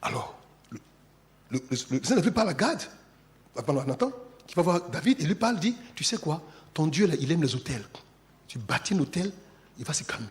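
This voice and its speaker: A male pastor preaching a sermon in a church, swinging from hushed, intimate lines to shouted climaxes and driving repeated refrains. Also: a little high, sing-song, brisk, pauses often. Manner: call-and-response repetition.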